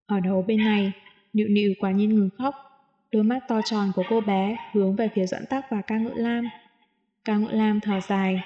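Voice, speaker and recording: A woman narrating a novel as an audiobook reader, reading in a steady, even way. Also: medium pitch, moderate pace, lo-fi sound, slight background noise. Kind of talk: scripted narration.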